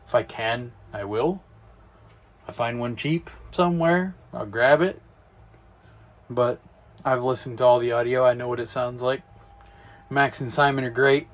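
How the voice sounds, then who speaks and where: A man of ordinary pitch chats casually in a room late at night. He rambles, trips over his words, and tosses in the occasional swear word. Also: unhurried, long pauses. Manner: rambling, swears, many restarts. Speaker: toy robot collector vlogger. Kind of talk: casual chat.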